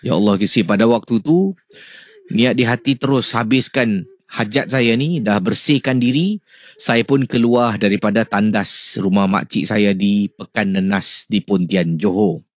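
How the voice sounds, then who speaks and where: A man hosting a radio show, reading out listener ghost stories in an animated, suspenseful way. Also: unhurried, no echo, studio quality. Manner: animated, with sudden rises in pitch and loudness for suspense.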